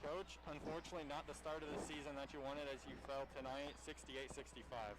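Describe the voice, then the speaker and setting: A man hosting a local sports stream, asking postgame questions in a measured, unhurried way. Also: a little high, fairly even intonation. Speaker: local livestream announcer. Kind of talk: postgame interview. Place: high school gym after a game. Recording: noisy gym ambience.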